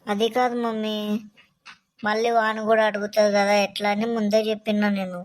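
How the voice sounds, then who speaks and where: A woman voicing cartoon figures in a village comedy, talking in a brisk, scolding way. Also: medium pitch, little pitch movement.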